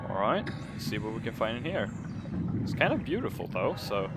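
A man with a lowish voice commentates on a video game in a casual, musing way. He speaks close to the mic in a voice-over, with loud game music behind. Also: sing-song, fairly quick. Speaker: gaming video host. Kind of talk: casual let's play commentary.

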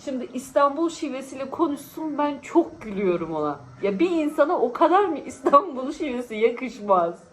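A woman's voice: sits high, very animated, fairly quick, hardly any pauses, a little hiss or hum, low-quality recording. A tired woman vlogging in casual, teasing chat with friends at a friend's home. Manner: chatty, teasing, often laughing.

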